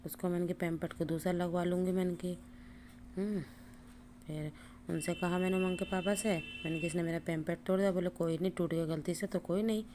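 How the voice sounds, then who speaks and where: A woman vlogger narrating her day in a casual, chatty way, often filling pauses with short hums. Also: on the low side, dark tone, a little hiss or hum. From India. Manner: chatty, repeats "हैं" and "hmm" as fillers. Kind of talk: casual family vlog narration.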